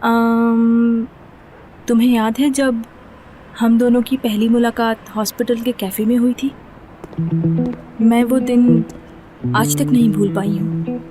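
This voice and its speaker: An actress dubbing a romantic young woman doctor in a TV drama, speaking in a soft, dreamy way. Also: fairly high pitch, little pitch movement, slow pace, pauses often, soft background music. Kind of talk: dubbed TV drama acting.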